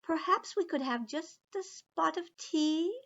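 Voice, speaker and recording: A woman's voice: very high voice, animated, a little slow, a bit bright, lo-fi sound, pitched above the performer's own voice, heavily acted. A woman voicing a small, polite male mouse who speaks primly and apologetically.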